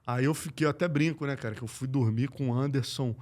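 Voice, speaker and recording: A man from Brazil, an MMA journalist, telling stories in a lively, slangy way on a casual podcast. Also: medium pitch, fast. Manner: animated, slangy, acts out quoted voices.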